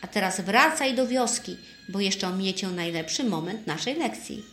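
A woman's voice: mid-range voice, lively intonation, moderate pace, roomy sound, faint music behind, lightly acted. A woman voicing a kindly, encouraging male master of colors in a storybook. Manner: warm, encouraging.

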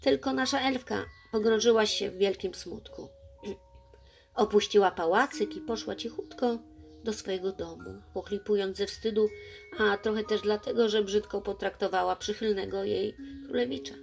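Female storybook narrator, expressive and soft, light music bed. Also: medium pitch, normal speed, vocal fry. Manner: expressive, soft-toned reading.

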